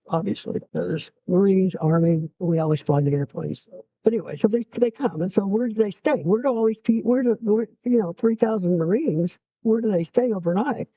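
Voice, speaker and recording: A middle-aged woman, an Air Force veteran, telling stories from her service in a casual interview, acting out her own shouts as she goes. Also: fairly low pitch, dry recording. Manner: animated storyteller who acts out her own shouts. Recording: dry, slightly dull lo-fi recording.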